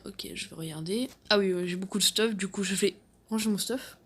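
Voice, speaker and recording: A woman's voice: mid-range voice, brisk, husky. A woman hosting a casual game tutorial, rambling with lots of fillers and self-deprecating asides. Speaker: gaming tutorial host.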